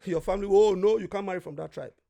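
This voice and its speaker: A man speaks in a fairly high, heavily gravelly voice. He talks as a guest in a casual conversation. He tells stories with energy, acts out the people he quotes, and swears without holding back. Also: very fast. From Nigeria. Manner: animated storyteller who acts out quoted voices and swears freely.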